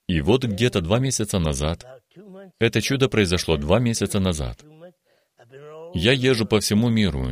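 A man in his eighties giving an earnest, emphatic religious testimony on a television studio program. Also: low-pitched. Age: 80s. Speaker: guest giving a healing testimony.

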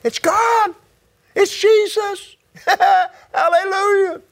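A man preaching a sermon with fervor, repeating phrases and breaking into sudden high exclamations of praise. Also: fairly even intonation, slow pace, fairly bright tone.

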